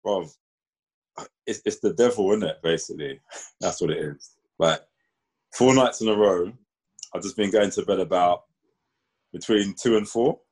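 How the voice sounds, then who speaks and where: A man's voice: low voice, normal speed, pauses often, breathy edge. A man with a London roadman accent chatting casually and telling stories in urban slang. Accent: London roadman, multicultural urban slang. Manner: slangy, animated storytelling with 'bro' and 'man'. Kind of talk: casual group chat.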